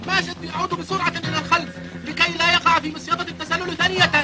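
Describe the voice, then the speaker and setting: A man playing an excitable, amazed football commentator in an animated series, exclaiming dramatically. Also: extremely high pitch, rapid-fire, low-quality recording. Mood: thrilled. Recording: loud music under the voice. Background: loud music.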